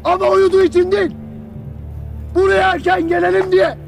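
A man's voice: very high voice, little pitch movement, fairly quick, gravelly, faint music behind. An actor playing a harsh army commander who barks questions at his soldiers with bitter sarcasm. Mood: grim bitter. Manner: barking, interrogating, bitterly sarcastic. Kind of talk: film drama acting.

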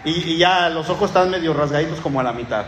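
A man's voice: a little high, quick pace, fairly bright tone, slight background noise. A man with a Mexican Spanish accent preaching a sermon, teaching from the Bible in a conversational storytelling way with frequent restarts. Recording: echoey hall with long reverb, faint ambience.

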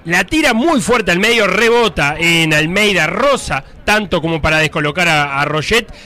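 A Uruguayan man works as a radio football analyst, breaking down plays in an explanatory, unscripted way. His voice sits high for a man and sounds bright and insistent. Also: expressive, moderate pace. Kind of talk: spontaneous tactical radio commentary.

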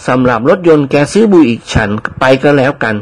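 A man's voice: medium pitch, lively intonation, a little fast, husky. A man voicing a smug male doctor with a salesy manner.

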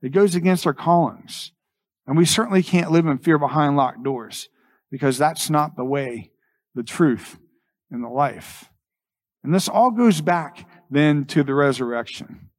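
Earnest male pastor preaching, slightly high-pitched. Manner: earnest exhortation with rhetorical repetition and deliberate emphatic pauses. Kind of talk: church sermon.

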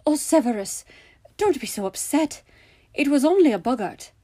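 A woman voicing an amused, motherly senior witch professor in a storybook, witty and soothing, with a slightly husky voice. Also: medium pitch, lively intonation, normal speed, darkish tone, dry recording, studio quality.

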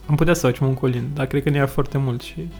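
A man's voice: mid-range voice, fairly even intonation, mellow, faint music behind. A man chatting casually as a podcast co-host, dropping dry, witty asides. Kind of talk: casual chat.

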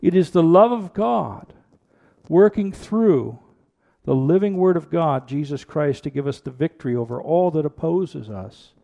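A pastor preaching an earnest sermon into a pulpit microphone in a church, repeating rhetorical questions for emphasis. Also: male voice, a little high, lively intonation, measured pace, vocal fry, warm tone, muffled recording. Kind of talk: sermon with prayer and scripture reading.

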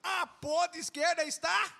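A teenage Brazilian man hosting a podcast in a jokey, loud manner, often repeating his own phrases. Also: extremely high pitch, fairly even intonation, a little slow, creaky. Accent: Brazilian Portuguese. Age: teens. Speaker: podcast host. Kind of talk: casual chat.

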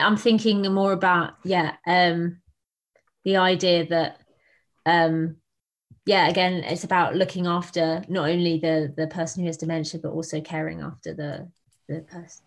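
Casting: woman researcher on a webinar, lowish flat delivery, halting with ums. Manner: hesitant, many ums, earnest. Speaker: guest speaker, researcher. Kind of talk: answering questions in a webinar.

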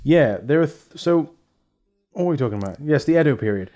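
A man in relaxed conversation, laying out historical facts in a measured, explanatory manner. His delivery is casual and steady, like a co-host walking a friend through a topic. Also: fairly high pitch, faint music behind. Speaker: podcast co-host presenting history. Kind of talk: casual chat.

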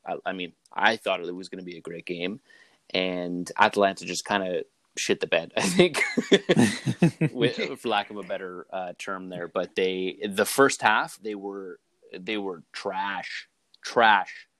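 A young man from Canada hosting a laid-back podcast, his voice pitched low and deep. He talks loosely and rambles, filling pauses with ums and uhs. The recording sounds dry and close. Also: dry recording. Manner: relaxed, rambling with many fillers. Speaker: podcast host. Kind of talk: casual chat.

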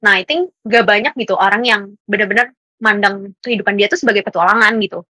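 Bright young woman, chatty podcast guest. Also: mid-range voice, fast, no echo. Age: young adult. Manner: chatty, laughs often, mixes in English words. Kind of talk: casual podcast discussion.

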